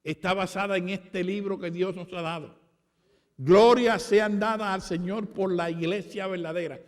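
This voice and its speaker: Puerto rican preacher guy, high voice, repeats every point hard, long hall echo. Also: normal speed. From Puerto Rico. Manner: emphatic, repetitive declarations. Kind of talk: sermon. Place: conference hall.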